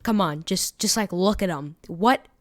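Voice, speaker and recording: A woman's voice: on the low side, a little slow. A woman giving casual reaction commentary as a video host, sarcastic and mock-serious. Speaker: YouTube commentator.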